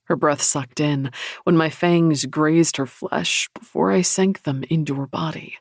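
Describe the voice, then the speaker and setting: Gravelly male audiobook narrator. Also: a little high, fairly even intonation, a little slow, no room sound, clean studio sound. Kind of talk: first-person audiobook narration.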